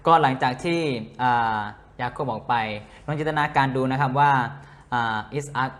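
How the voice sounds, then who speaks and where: A man interpreting a sermon live, reading scripture and relaying the preacher with hesitant pauses and filler sounds. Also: medium pitch, fairly even intonation, fairly bright tone. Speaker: church interpreter.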